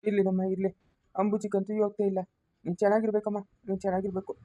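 A woman playing an elderly, weary village brother with a rural Karnataka accent, speaking softly and sorrowfully in a family skit. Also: medium pitch, flat delivery, racing, no echo, lightly acted. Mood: tearful. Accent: rural Karnataka Kannada.

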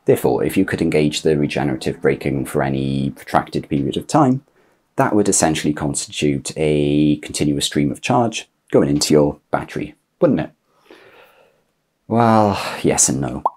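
Very deep, husky-voiced man explaining. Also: lively intonation, darkish tone. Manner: measured, rhetorical questions, gestures with hands. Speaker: YouTube host explaining electric cars. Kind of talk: scripted explainer to camera. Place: small home office, indoors.

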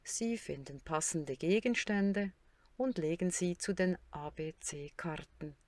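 A woman narrating a teaching tutorial in a scripted way, sounding out syllables slowly and clearly. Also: fairly low pitch, a little mellow, no echo.

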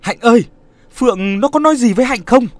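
A man's voice: very high-pitched, expressive, fairly quick, no echo, voice pushed up. A male narrator voicing a grief-stricken young man who cries out in despair. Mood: anguished. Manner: crying out in despair.

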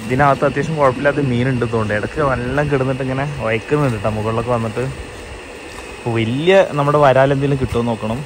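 A quick, chatty man in his thirties with a Kerala accent talks outdoors into a handheld phone camera. He explains everything to his viewers in a casual, running commentary. Faint noise sits behind his voice. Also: mid-range voice, fairly even intonation. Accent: Malayalam, Kerala. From Kerala, India. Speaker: fishing vlogger. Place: outdoors in paddy fields and a yard. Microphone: phone camera held by the speaker.

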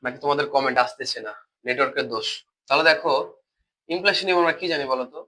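A man's voice: mid-range voice, quick pace, sharp tone, poor audio. A man with a Bangladeshi Bengali accent and a cold, teaching a logic class online, patient and repetitive, quizzing his students as he works. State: has a cold. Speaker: logic tutor. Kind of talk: live online class explanation.

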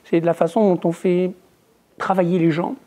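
Filmed indoors for a museum exhibition, a middle-aged woman academic researcher answers interview questions in a thoughtful, measured way. Her voice is fairly low with little pitch movement and trails off quietly at the ends of phrases.

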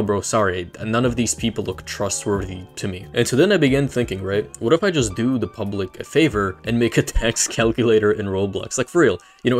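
A young man from Canada casually explaining game coding, joking in slangy chatter full of fillers. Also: fairly low pitch. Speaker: Roblox tutorial creator. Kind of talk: casual coding tutorial with jokes.

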